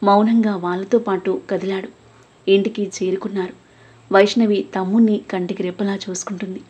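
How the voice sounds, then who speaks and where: Husky-voiced woman narrating a story. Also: medium pitch, steady tone, fairly quick, mellow, muffled recording.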